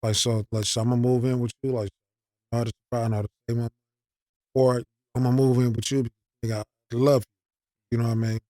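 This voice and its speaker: A man's voice: medium pitch, level tone, fast, warm tone, no room sound, studio quality. Man bluntly quizzing a podcast guest. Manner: probing, blunt questions. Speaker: podcast host. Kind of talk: casual chat.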